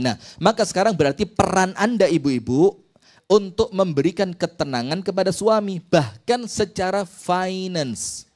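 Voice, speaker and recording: A man preaching a sermon to a women's study group, animated and joking, firing quick rhetorical questions at the audience. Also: fairly high pitch.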